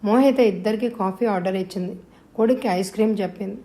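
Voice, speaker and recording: A woman's voice: mid-range voice, fast, mellow. A woman narrating an audio novel, voicing the dialogue with feeling. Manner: voices dialogue with rising emotion.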